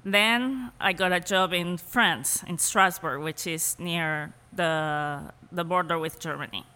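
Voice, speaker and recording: A woman from Spain with a Spanish accent, a guest speaking thoughtfully in a relaxed interview and laughing easily. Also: on the low side, slow, smooth, in a large hall. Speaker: cheesemaker guest. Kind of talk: casual interview conversation.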